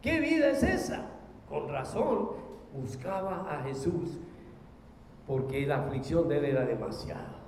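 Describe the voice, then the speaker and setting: A man's voice: fairly high pitch, big pitch swings, measured pace, darkish tone. A man preaching a sermon, impassioned and full of rhetorical questions. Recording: echoey hall, faint noise.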